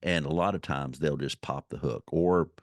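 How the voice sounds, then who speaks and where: Very deep-voiced man, folksy instructor. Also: moderate pace, no echo, clean studio sound. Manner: folksy, rambling, circles back to repeat points. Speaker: fly-fishing instructor. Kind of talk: informal unscripted instructional talk.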